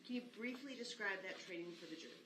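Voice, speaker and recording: A woman's voice: mid-range voice, quick pace. A woman prosecutor questioning a witness formally and methodically. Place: courtroom. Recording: echoey courtroom, distant mic, faint noise.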